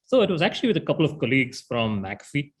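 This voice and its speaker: A man's voice: mid-range voice, big pitch swings, racing, breathy edge. A man, a startup founder from India, answering interview questions in a thoughtful way with frequent "you know".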